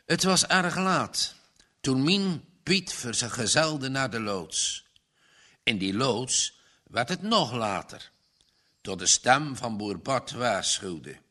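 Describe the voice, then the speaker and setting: A man reading a children's story aloud in a gently expressive way. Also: medium pitch, takes it slowly. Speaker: narrator.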